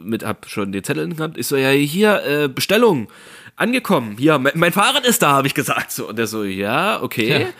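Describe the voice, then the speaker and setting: A man tells a story in relaxed conversation, bouncing his voice up and down and playing the other people in the story. His pitch sits at a middle height. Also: a little fast. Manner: animated storytelling, acts out phone calls with raised voices. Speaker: storyteller in a casual chat. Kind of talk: casual chat.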